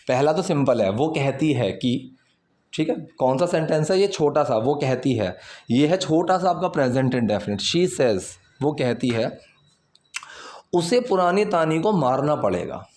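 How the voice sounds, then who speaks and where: A young man teaching English in Hindi, patiently explaining grammar and reading English sentences slowly and carefully. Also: medium pitch, lively intonation, darkish tone. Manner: explains patiently, repeats and translates phrases, reads English lines slowly. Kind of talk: Hindi-language English lesson.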